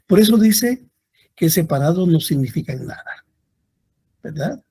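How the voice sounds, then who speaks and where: Slow, husky-voiced male lecturer. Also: fairly high pitch, lively intonation, warm tone. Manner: slow, deliberate, repeats examples to students. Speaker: university lecturer. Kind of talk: classroom lecture.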